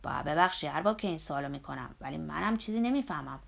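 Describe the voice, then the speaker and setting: A woman voicing a blunt, earthy older male laborer in an audiobook, speaking low and loud with a scolding manner. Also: animated, vocal fry, exaggerated voice. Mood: exasperated. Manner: lower pitched, loud and scolding. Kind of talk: audiobook character voice.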